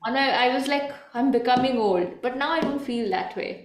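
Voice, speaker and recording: A woman's voice: high voice, fairly quick, reverberant, a little hiss or hum. A woman in her late twenties co-hosting a live chess stream, chatting casually and laughing often. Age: 20s. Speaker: chess commentator co-host. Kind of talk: casual chess commentary chat. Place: room at home.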